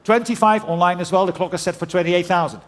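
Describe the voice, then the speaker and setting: High-pitched male auctioneer calling bids. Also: fast. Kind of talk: live auction calling, rhythmic repeated bids.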